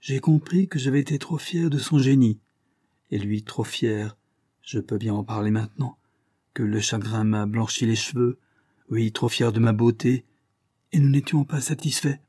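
A man's voice: medium pitch, steady tone, moderate pace, dark tone, slightly rough, dry recording, studio quality, lightly acted. A man reading the lines of an anguished young mother, in a pleading, weary voice heavy with grief. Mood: sorrowful. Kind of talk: audiobook character reading.

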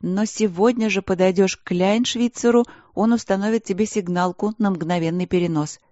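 A woman voicing a gentle young queen, anxious and sad, trying to stay firm with her younger sister. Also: mid-range voice, normal speed, dry recording, lo-fi sound, natural voice. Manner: soft, anxious, firm then yielding.

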